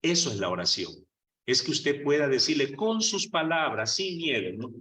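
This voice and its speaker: In a roomy church meeting hall, captured by a distant mic, a man delivers a conversational sermon on prayer, peppered with rhetorical questions and acted-out quoted prayers. His voice is on the high side, pushed and bright, with big pitch swings and a moderate pace.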